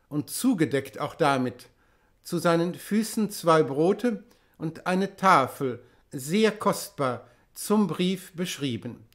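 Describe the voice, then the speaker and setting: A male audiobook narrator reading literary prose in a measured, deliberate voice. His pitch sits a touch high for a man. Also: a bit bright. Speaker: audiobook reader.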